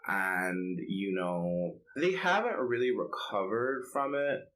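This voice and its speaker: A male co-host with a fairly low pitch and a bit of brightness speaks slowly on a casual K-pop podcast, sharing opinions conversationally and using "like" a lot.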